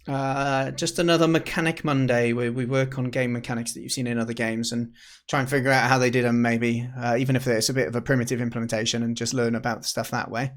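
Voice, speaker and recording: A man from the UK chats with viewers during a game development livestream, sounding tired and worn. He thinks aloud and keeps restarting his sentences. His voice sits at an ordinary middle pitch. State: tired, yawning. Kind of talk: casual livestream chat.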